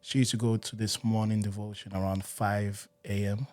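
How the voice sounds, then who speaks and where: A young man from Ghana, a guest on a podcast, telling stories from his life in a relaxed, easygoing way. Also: on the low side, moderate pace. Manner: laid-back, storytelling, laughs often. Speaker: podcast guest, singer and worship leader. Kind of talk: casual interview chat.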